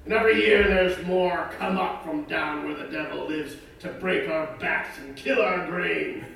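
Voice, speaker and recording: Guy playing a crude gravelly farmer, slow and blunt, roomy and far away. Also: on the high side, a bit bright, slight background noise. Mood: bitter. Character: gruff, coarse male peasant farmer. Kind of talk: stage acting. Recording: roomy stage sound from far off.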